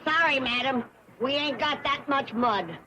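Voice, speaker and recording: Scrappy old hillbilly granny, high, slow-talking, wheedling, barker patter. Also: female voice. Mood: barking. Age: older. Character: feisty old hillbilly granny, self-styled doctor. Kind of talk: 1960s sitcom acting. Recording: dull lo-fi TV audio with noise.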